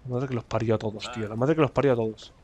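A man with a Spain Spanish accent giving excitable let's-play commentary, reacting loudly and laughing at the game. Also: mid-range voice, very fast. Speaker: gaming YouTuber.

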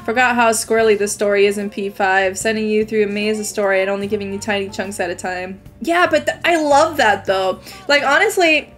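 A woman's voice: medium pitch, a little fast, few pauses, faint music behind. A young woman streaming a game, chatting casually with her viewers, laughing often and swearing freely. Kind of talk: casual gaming commentary.

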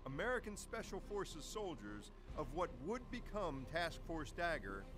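A man delivering scripted documentary narration in a measured, solemn way. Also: on the high side, sing-song. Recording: narration over loud music.

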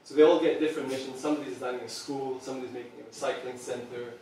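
Picked up by a far-off camera in a meeting room, this man in his thirties from Serbia talks rapid-fire in a level, medium-pitched, darkish voice, with heavy reverb and a little hiss or hum. He's a product designer giving an earnest public presentation to a small audience, frequently filling gaps with ums.

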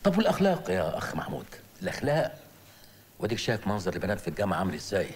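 A man's voice: low-pitched, sing-song, very fast. An actor with an Egyptian accent playing a middle-aged man who exclaims in feigned piety, in comic film style. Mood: mock-pious. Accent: Egyptian Arabic. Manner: mock-pious, exclaiming.

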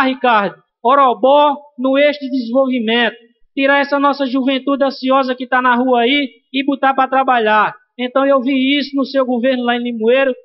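A man with a Pernambuco accent delivers an earnest political speech from an outdoor festival stage at night, speaking into a handheld mic. His voice sits very high for a man, and he leans on a repetitive rally cadence. The camera audio is muffled and lo-fi. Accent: Pernambuco Portuguese. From Pernambuco, Brazil. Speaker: vice-mayor giving a speech.

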